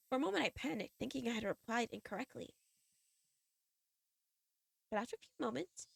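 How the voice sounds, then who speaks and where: Her voice sits high but gravelly, with no room sound, and her nose is stuffed up with a cold. The young woman streams bubbly, giggly casual chat and reads a game's visual novel story aloud.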